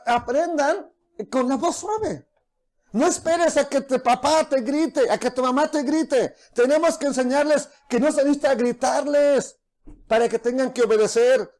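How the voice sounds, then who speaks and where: A middle-aged pastor delivers a sermon to his congregation. He keeps breaking into small acted-out dialogues, dropping to a hushed, low voice for the people he quotes.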